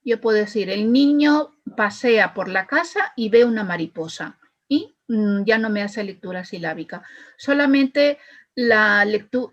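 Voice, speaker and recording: A woman's voice: medium pitch, dull audio. Woman speech therapist, explaining. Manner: explanatory, gives worked examples with fillers. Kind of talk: explaining to an interviewer.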